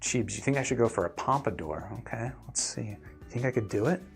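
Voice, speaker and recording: With lively intonation and a creaky mid-range voice, this man talks fairly quickly as he hosts a casual livestream, giving gear opinions and thinking aloud over viewer questions. Soft music plays in the background.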